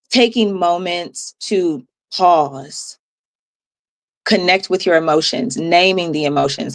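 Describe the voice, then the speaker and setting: Lady coach on a podcast, lower voice, slow steady explaining. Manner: calm, explanatory, measured with pauses. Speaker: holistic health coach, guest. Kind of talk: podcast interview.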